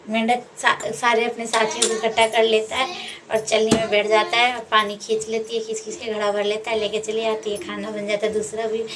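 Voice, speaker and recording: A woman telling a folk tale in a homely, conversational way, acting out the lines of the people and animals in it. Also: on the high side. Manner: homely, conversational retelling with acted dialogue. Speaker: storyteller. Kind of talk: casual folk tale narration. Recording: distant mic with faint background noise.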